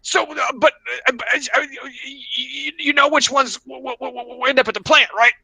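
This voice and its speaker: A man's voice: very high voice, steady tone, fairly quick, gravelly, pushed and bright, breathy edge, no echo, voice pushed up, heavily acted. A man voicing a rambling, stammering middle-aged caller with a who keeps repeating his words. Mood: frantic, rambling. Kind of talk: comic impression in a podcast story.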